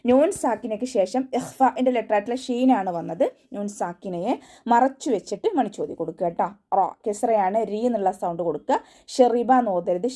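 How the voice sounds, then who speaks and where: A woman teaching Quran recitation in an online class, her voice dark and mellow. She explains each sound patiently, step by step, then chants the verse slowly in a higher voice. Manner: patient, step-by-step instruction, often ending with a soft "tto".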